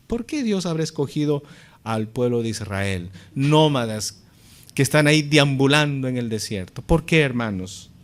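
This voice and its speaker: A man's voice: mid-range voice, sing-song, normal speed. A man preaching a sermon as pastor, talking earnestly to his congregation and building to emphatic peaks.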